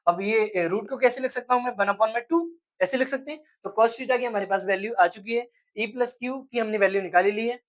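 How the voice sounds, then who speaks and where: A man's voice: high-pitched, brisk, hardly any pauses, low-quality recording. A man teaching a physics lecture step by step, asking questions and answering them himself. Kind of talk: classroom lecture.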